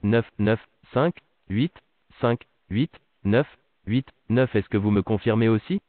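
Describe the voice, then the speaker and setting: A synthetic male voice as a low-toned automated phone robot. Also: slow. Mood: polite. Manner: polite, even, formulaic. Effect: synthetic text-to-speech voice. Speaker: virtual customer service agent. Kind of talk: scripted automated phone prompts. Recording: tinny dry phone line.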